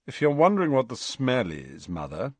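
A man voicing an arrogant, sneering teenage boy with a slow drawl. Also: medium pitch, wildly swooping pitch, husky, no echo, pitched above the performer's own voice.

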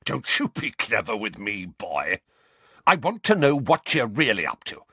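A man voicing a stout middle-aged uncle, croaky and trembling with fury, in a dry, husky recording. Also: lowish voice, very animated, measured pace, pushed and bright, dry recording, heavily acted. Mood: blustering.

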